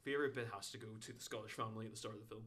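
A man's voice: fairly low pitch, fairly even intonation, racing, fairly bright tone, a little hiss or hum. A man hosting a casual film podcast, chatty and laughing often. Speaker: podcast host.

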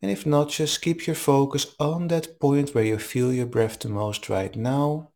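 Male meditation teacher, calm and soothing, very unhurried delivery, leaves space between short instructions. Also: medium pitch. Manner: slow, calm, soothing, with long pauses. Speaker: meditation teacher leading a live online session.

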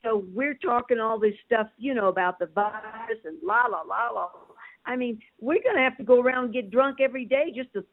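An older woman's voice comes down a thin, tinny phone line, pitched somewhat high for a woman. She is a caller who talks emphatically and chattily, stacking up one point after another. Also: brisk. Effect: over the phone, tinny line. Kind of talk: casual call-in chat.

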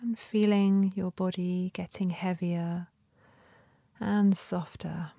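Slow, soft-spoken woman guiding meditation. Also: lowish voice, level tone, vocal fry, no echo. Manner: gentle, soothing, unhurried instruction with long pauses. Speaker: meditation guide. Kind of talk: guided meditation.

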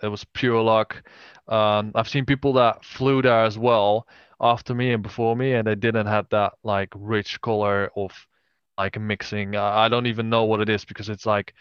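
A man giving a casual interview as a podcast guest, speaking haltingly with many hesitations. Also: fairly low pitch, fairly bright tone, clean tone, dry recording, lo-fi sound. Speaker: podcast guest, travelling videographer and drone photographer.

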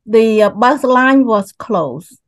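An older woman from Cambodia with a Cambodian accent, slowly and haltingly telling her life story as a guest over a video call. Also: fairly high pitch, animated, no echo, low-quality recording. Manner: slow, halting, repeats words.

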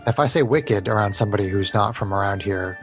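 A man's voice: fairly low pitch, quick pace, faint music behind. A man playing a tabletop game over a video call, confidently answering rules questions. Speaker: player.

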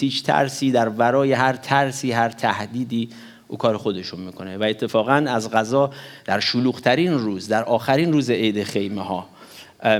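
A man delivers a sermon in a teaching voice at an ordinary middle pitch. He preaches with animated emphasis, rising sharply on key words, and mixes a few English terms into his speech. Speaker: pastor.

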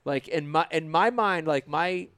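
A man's voice: a little high, measured pace, fairly bright tone, smooth, no room sound. A man who hosts a fishing show, chatting casually and enthusiastically and repeating himself for emphasis. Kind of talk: casual group chat about fishing.

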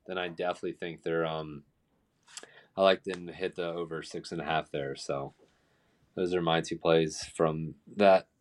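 A man with a deep, low voice is heard calling in over the phone, a little distant from the mic. He gives his picks in a loose, casual way and often stammers over the opening words of his sentences. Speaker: co-host giving betting picks. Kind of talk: casual sports betting chat.

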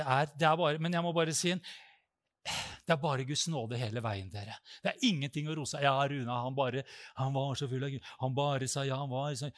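A man preaching a sermon, telling stories and acting out prayers with loud, high-pitched cries. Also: no room sound, studio quality.

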